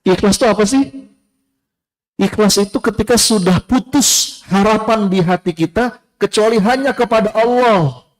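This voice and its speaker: Guy preaching to a crowd, kinda high voice, chatty and lively, keeps talking right at the people in front of him. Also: moderate pace. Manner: lively storyteller who talks directly to listeners. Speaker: Islamic preacher. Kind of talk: sermon to a live congregation.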